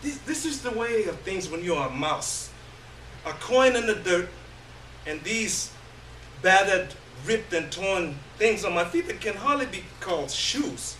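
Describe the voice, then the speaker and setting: On a live indoor stage, a man reads a short story in the first person, his very high, somewhat bright voice swinging widely in pitch. He performs dramatically, halting often and leaving long pauses between phrases. Picked up by a far-off mic, the recording sounds spacious, with a little noise underneath.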